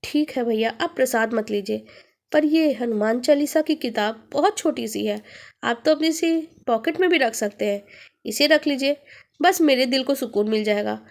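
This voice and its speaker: A woman's voice: fairly high pitch, normal speed, natural voice. A woman voicing a kind, devout young delivery man who speaks politely and reassures.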